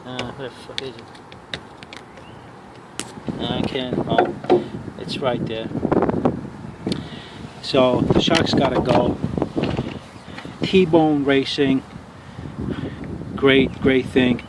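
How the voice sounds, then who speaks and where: A man's voice: mid-range voice, fairly even intonation. A man talks outdoors on a city street with traffic noise around him. He rants in an irritated, profane way, often stopping and restarting his sentences. It sounds like a casual handheld review recording. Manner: angry, profane ranting with halting restarts. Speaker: RC car hobbyist reviewer.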